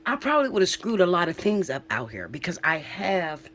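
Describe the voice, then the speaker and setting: This casual spiritual vlog features a woman in her forties whose lowish, sing-song voice moves briskly and sounds a little bright. As a spiritual reader addressing her viewers, she's emphatic and preachy, swears often, and keeps asking "okay?".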